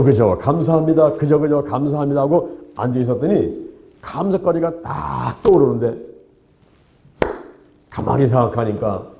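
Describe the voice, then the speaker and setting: Middle-aged male pastor, animated sermon delivery, mellow warm timbre, very expressive pitch.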